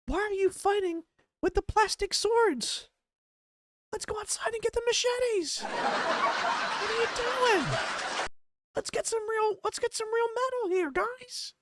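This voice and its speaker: A man putting on a squeaky, sarcastic voice of a frantic parent urging kids to grab real weapons. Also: unhurried, pauses often. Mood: mocking. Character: mock high-pitched frantic parent egging kids on.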